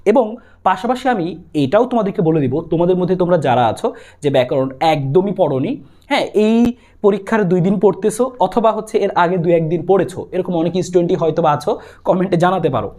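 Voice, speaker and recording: A man's voice: sits high, expressive, fast, warm tone. A young man with a Bangladeshi Bengali accent, coaching students through an exam-prep lesson in an urgent, repetitive, coaxing way. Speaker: tutor.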